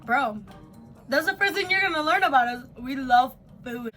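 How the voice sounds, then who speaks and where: This twenty-something host keeps her eating video casual, chatting and mixing Spanish with English. Her voice sits high and sounds animated, pushed and bright at a normal pace, with faint music behind.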